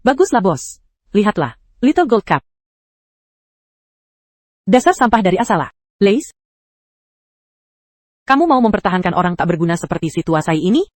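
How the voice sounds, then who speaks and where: A woman's voice: medium pitch, very animated, moderate pace, long pauses, no echo, clean studio sound. A synthetic text-to-speech female voice narrating an anime recap, reading every character's lines in the same voice.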